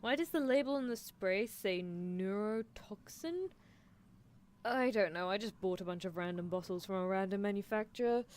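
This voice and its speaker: With a clean, darkish tone at a medium pitch and moderate pace, this streamer plays a scheming, possessive anime mad scientist in an improvised ASMR roleplay. Her character mutters in exaggerated, theatrical exasperation.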